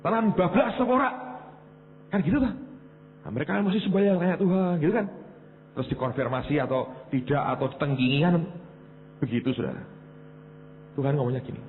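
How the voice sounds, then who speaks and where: A middle-aged man with a Javanese accent preaching a sermon as a pastor, telling a personal story and moving between hushed asides and loud, emphatic bursts. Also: a little high, fairly quick, pauses often. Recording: phone-like narrow sound with faint hum.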